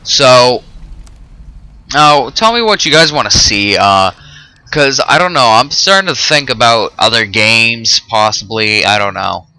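A man rambling through a let's-play video, swearing casually as he chats with viewers. His voice is bright and crisp. It is recorded close and dry, with no room sound. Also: mid-range voice, expressive, measured pace, dry recording, poor audio. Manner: rambling, full of fillers and swearing. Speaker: host of a gaming channel.

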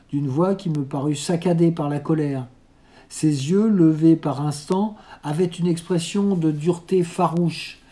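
A mellow, warm voice reads an old novel aloud at a measured, unhurried pace. The delivery stays literary and steady, with a middling pitch. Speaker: audiobook reader. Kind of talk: reading a classic novel aloud.

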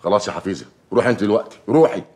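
Hot-headed village strongman, low voice, super fast, blunt threats. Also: expressive, darkish tone. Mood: threatening. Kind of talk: TV drama acting.

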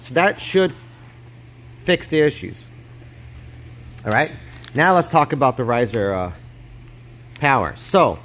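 A man with a fairly low voice walks through crypto mining hardware in a casual, step-by-step tutorial at an indoor desk. He films his hands close up on a phone held near, with slight background noise.

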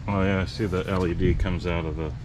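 A man's voice: low-pitched, level tone, fast talker. A young man chatting casually and upbeatly, commenting on a model railroad building and asking questions. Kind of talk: casual chat on a hobby video. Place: garage and train room, indoors. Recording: noisy home video audio.

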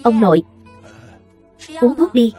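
A woman with a somewhat high voice reads every part of a dubbed drama in a steady voice-over. Faint music runs quietly under her. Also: slow. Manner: steady read-out delivery across all parts.

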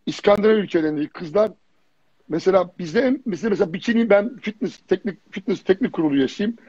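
A high-pitched man with a husky voice chats casually on a livestream, telling his stories with blunt slang and lots of repetition. He grew up in Germany and sits on a fitness jury. The sound is dry and dull, like lo-fi stream audio. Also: lively intonation, fast, a little mellow, no echo. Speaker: fitness jury member, guest. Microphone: phone or computer on a live video stream.

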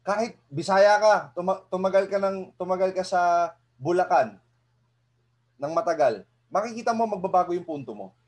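Male motivational speaker, somewhat high pitch, animated and chatty with the crowd, chuckles often. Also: moderate pace, pauses often. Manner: lively, asks the audience rhetorical questions. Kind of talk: seminar talk to an audience.

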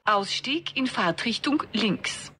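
A woman delivers onboard train announcements. Her voice is breathy and pitched a little high. She reads slowly and formally. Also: animated, pushed and bright.

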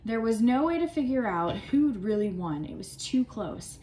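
A woman, a parent volunteer and substitute teacher, reading a children's chapter book aloud with expressive storytelling. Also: on the high side, normal speed, slight background noise, rough recording.

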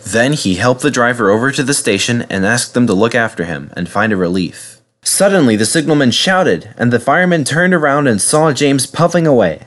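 A man narrating a children's storybook aloud in a lively, expressive way. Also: mid-range voice, fairly quick, hardly any pauses. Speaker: reader.

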